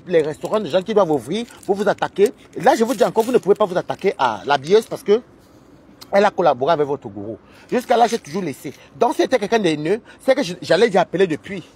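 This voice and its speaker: A man talks in a fairly high voice, repeating an indignant warning to his viewers again and again. He records himself on a handheld phone inside an office building, and a steady background hum stays under his voice the whole time. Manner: indignant warning rant, repetitive phrasing. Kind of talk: casual vlog, addressing online viewers. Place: office building, walking to get coffee.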